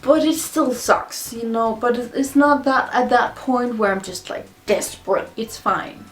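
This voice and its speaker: Speaking a little slowly in a slightly high voice, a video blogger, tipsy and not a native English speaker, delivers a loose, confessional monologue to camera. She circles back and repeats herself a lot. Faint music plays in the background.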